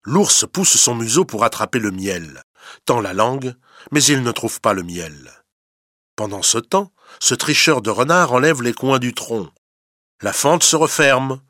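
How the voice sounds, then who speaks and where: A man narrating a storybook, reading with clear, steady delivery and lively emphasis. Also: mid-range voice, unhurried, no room sound, studio quality.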